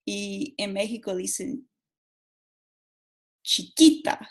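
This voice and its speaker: A young woman giving a school presentation, halting often and repeating words as she searches for them. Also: mid-range voice, steady tone, low-quality recording. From Mexico. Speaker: student giving a class presentation.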